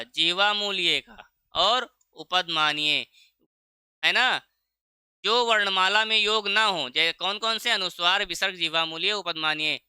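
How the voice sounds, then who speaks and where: A man teaching a video lesson for an exam, explaining step by step and asking the class questions that he answers himself, drawing out key sounds slowly to show how they are said. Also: sits high, pushed and bright, clean tone, no room sound, clean studio sound. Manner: drags out key sounds slowly when showing pronunciation. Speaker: Sanskrit teacher.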